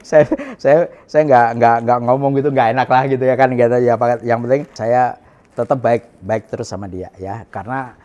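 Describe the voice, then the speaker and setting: A middle-aged man telling a personal story in a casual, chatty way, repeating himself and laughing softly now and then. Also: medium pitch, fairly even intonation, moderate pace, lo-fi sound. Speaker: guest sharing his testimony.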